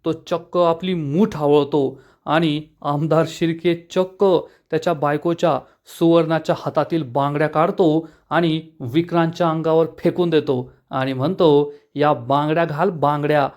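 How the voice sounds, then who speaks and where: A man's voice: a little high, steady tone, normal speed, a little mellow. A man recapping a television serial episode as a dramatic, emphatic story retelling.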